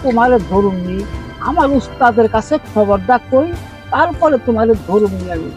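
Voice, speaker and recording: A man playing a leering young street thug, who talks in a slow, menacing drawl. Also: very high-pitched, expressive, soft background music. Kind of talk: amateur village drama acting.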